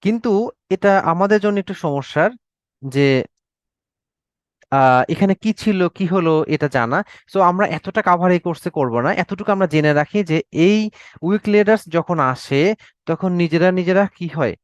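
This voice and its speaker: A Bangladeshi male teacher giving an online Arabic class, his voice sitting a touch high for a man. He explains slowly and repeats key words, checking in with "okay?" again and again. The sound is close and dry, with no room around it. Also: animated, smooth, dry recording. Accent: Bangladeshi Bengali.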